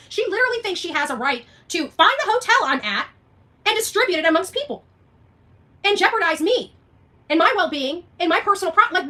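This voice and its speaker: A woman with a high, bright voice rants unscripted on a livestream, responding to viewer comments. She speaks quickly and combatively, relying on repeated phrases and pointed rhetorical questions.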